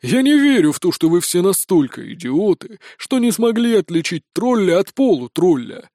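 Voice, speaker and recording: A man voicing a gruff, burly male sheriff who barks cold, menacing orders in a high, loud voice. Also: sing-song, moderate pace, no room sound, clean studio sound. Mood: barking.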